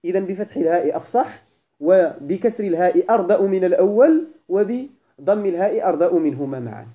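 A man's voice: high-pitched, animated, fairly quick, dark tone. A man from Morocco with a Moroccan Arabic accent, teaching a grammar lesson to a class. He explains step by step, repeats his points and keeps checking that everyone has understood.

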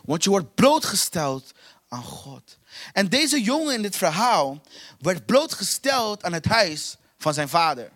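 Man preaching, high-pitched, impassioned and repetitive, dynamic volume. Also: big pitch swings, measured pace. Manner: impassioned, repetitive, swings between soft and loud. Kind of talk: sermon.

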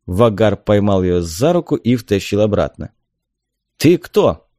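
This audiobook narrator, a man with a lowish voice, tells the story in a measured, expressive way, and the recording is dry, clean studio sound.

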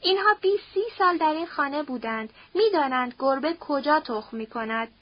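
A woman voicing an earnest young man who pleads in a measured, soft-spoken way. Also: high voice, lively intonation, dry recording. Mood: coaxing. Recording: dull dry audiobook recording.

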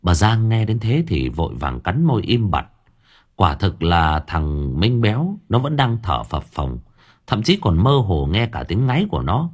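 A man narrating an audiobook story in a lively, expressive way. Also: low-pitched, measured pace, slightly rough.

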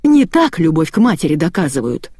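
A woman voicing a weary, stern elderly grandmother who scolds calmly. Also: deep voice, fairly quick, breathy edge, dry recording, clean studio sound, exaggerated voice.

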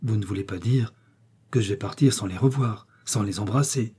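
A man voicing a timid, tearful young bride who pleads softly with her husband. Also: fairly low pitch, normal speed, slightly rough. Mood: pleading.

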